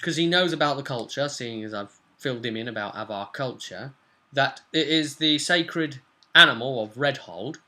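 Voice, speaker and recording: A young man who hosts and runs a tabletop role-playing game casually recaps a session from a small room at home. His medium-pitched voice is animated and sharp, at a moderate pace.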